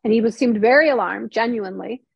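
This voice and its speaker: This is a middle-aged woman, formerly a TV news reporter and now a novelist, candidly recounting an emotional personal story during an interview. Her fairly high voice has vocal fry and a breathy edge, she talks fast, acts out quotes, and fills her chatty, earnest speech with "like" and "you know." The audio is dry and muffled.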